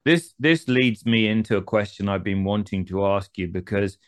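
A man's voice: lowish voice, moderate pace. A man hosting an interview, asking long, winding questions full of asides. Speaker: host. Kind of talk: conversational interview.

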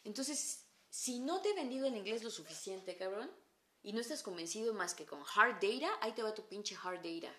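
Bright-voiced Mexican woman, cursing freely. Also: mid-range voice, moderate pace, roomy sound. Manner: animated, swears freely and uses slang. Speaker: English teacher. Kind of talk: casual podcast conversation.

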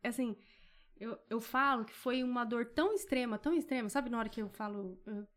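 An earnest Brazilian woman with a slightly high voice talks over her own inner experiences in casual conversation. She quotes what she said to herself and keeps affirming the other speaker. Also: brisk, a bit bright. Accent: Brazilian Portuguese. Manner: reflective, earnest, says "sim" constantly, quotes her own thoughts.

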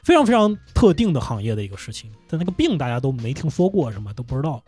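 Speaking quickly in a husky, mid-range voice, a man appears as a guest on a podcast, discussing running a comedy company in relaxed conversation. He turns animated, laughing and swearing when worked up. The indoor studio recording is dry, with soft background music.

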